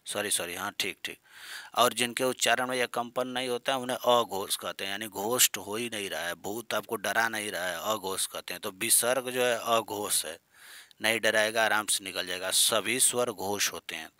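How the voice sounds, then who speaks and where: A man's voice: fairly low pitch, pushed and bright, no room sound. A man teaching Hindi grammar in an online exam-prep lesson. He asks his students questions and repeats the key terms, with playful jokes and mild scolding.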